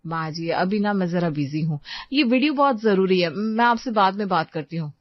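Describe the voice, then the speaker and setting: A woman's voice: mid-range voice, animated, moderate pace, dry recording, lightly acted. A woman voicing a sweet but distracted young wife in a cartoon, chatty and pleading. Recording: dry, slightly dull lo-fi sound.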